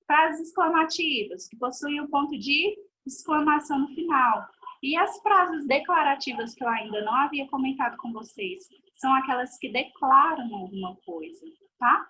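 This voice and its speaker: A woman's voice: sits high, expressive, moderate pace, sharp tone, slight background noise, rough recording. A woman giving a recorded video lesson to pupils, patiently repeating points and checking they follow. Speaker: teacher.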